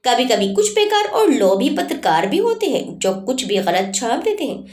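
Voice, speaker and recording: A woman's voice: fairly high pitch, very animated, moderate pace, a little mellow. A woman voicing a loyal, talkative male household servant. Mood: chatty. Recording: roomy echo.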